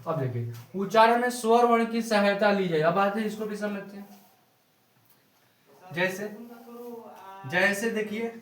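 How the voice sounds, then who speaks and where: A man with a high voice teaches a grammar lesson in a classroom. He repeats key words slowly, dragging them out as if dictating to students. The room rings with a clear echo. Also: animated, a bit bright. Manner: repetitive, drawn-out word-by-word dictation. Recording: echoey room.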